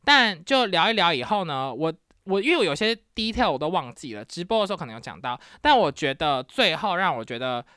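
Animated woman telling dating stories. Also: fairly low pitch, brisk, few pauses, no room sound, clean studio sound. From Taiwan. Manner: animated, exclamatory, with English words mixed in. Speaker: podcast host. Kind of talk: casual storytelling.

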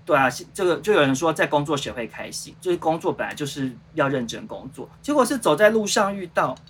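With a fairly high pitch and quick delivery, a show producer and host in his thirties tells a story on a livestream in Taiwanese-accented Mandarin. He's animated, re-enacting the dialogue and rambling on with many fillers, against slight background noise.

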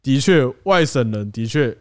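A young man with a Taiwanese Mandarin accent, co-hosting a casual chat podcast, telling animated stories and laughing often. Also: mid-range voice, moderate pace. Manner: animated storyteller, acts out quoted voices, laughs often. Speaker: podcast co-host.

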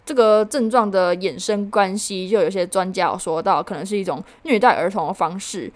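A young woman of about nineteen with a Taiwanese Mandarin accent, hosting a casual news-recap podcast in a chatty way, full of fillers and sudden jumps in pitch for emphasis. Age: young adult, about 19. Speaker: podcast host.

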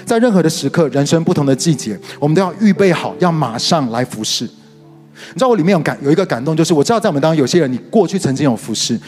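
A middle-aged man with a Taiwanese Mandarin accent preaching a sermon, telling stories animatedly with sudden leaps in pitch. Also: lively intonation, fast. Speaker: pastor and worship leader. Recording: reverberant hall with soft music behind.

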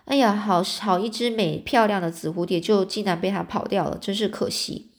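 A woman's voice: mid-range voice, normal speed, close to an everyday voice. Glib, sociable male naturalist, hearty talker, read by a woman narrator, storybook style. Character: smooth-talking male naturalist, sociable adult. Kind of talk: storybook reading.

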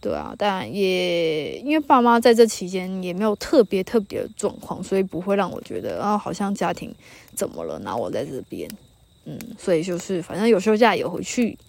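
A woman's voice: fairly low pitch, big pitch swings, fairly quick, vocal fry, a little mellow. Taiwanese woman in her 30s, easygoing podcast chat by a campfire, quotes folks, laughs a lot. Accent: Taiwanese Mandarin. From northern Taiwan. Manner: chatty storytelling, quotes people, laughs often. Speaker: podcast host. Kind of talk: casual solo podcast chat. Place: mountain campsite by a campfire.

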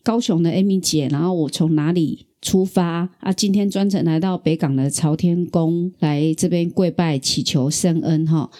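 A middle-aged woman from Taiwan hosting a podcast, telling a personal story in a lively, chatty way. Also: lowish voice, normal speed, hardly any pauses. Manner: animated storyteller, acts out quoted voices. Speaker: podcast host. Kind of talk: casual storytelling.

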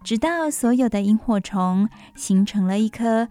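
A woman radio host reading a bedtime story for children, expressive, with asides to listeners. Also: a little high, measured pace, smooth. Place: radio studio.

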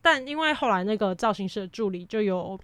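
A young woman, a podcast guest telling a story animatedly in casual chat, with many quick agreeing fillers. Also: medium pitch, animated, a bit bright, clean tone, no echo. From Taiwan.

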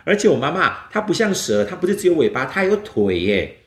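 This is a worried little storybook monkey, voiced by a man. it keeps insisting in a childlike way, and its pitch jumps around with feeling. the recording has an echoey room sound. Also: sing-song, brisk. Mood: pleading. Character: small worried young monkey looking for mum.

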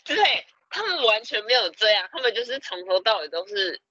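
A young man, telling stories in a casual podcast chat, animated and laughing often. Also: high-pitched, fairly quick, dry recording, dull audio. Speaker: podcast co-host.

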